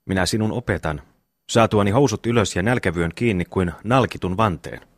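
A man reading the part of a hot-tempered eldest brother in an audiobook, blustering and boastful in his own low voice. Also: dry recording, studio quality.

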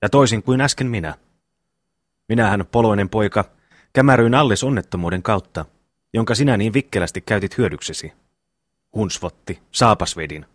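A man reading the part of a hot-tempered eldest brother in an audiobook, blustering and boastful in his own low voice. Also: no echo, clean studio sound, lightly acted.

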